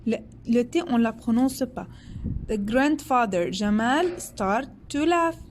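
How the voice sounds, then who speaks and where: Slow, patient woman teaching French to children. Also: on the high side, lively intonation, slight background noise. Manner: slow, patient, spells out letters and silent endings. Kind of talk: slow read-aloud French lesson for children, with English glosses.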